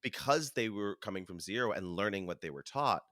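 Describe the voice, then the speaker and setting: A man in his thirties, a Broadway performer talking as an interview guest, telling animated stories and chewing food as he talks. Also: on the low side, fairly quick, no echo, clean studio sound. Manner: animated storytelling, acts out voices, chuckles. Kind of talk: casual conversational interview.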